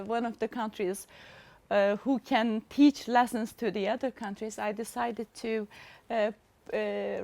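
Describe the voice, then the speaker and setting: Middle-aged woman presenting her research, slightly high voice with lots of vocal fry, halting and searching for words. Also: darkish tone, dry recording. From Turkey. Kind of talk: formal conference presentation.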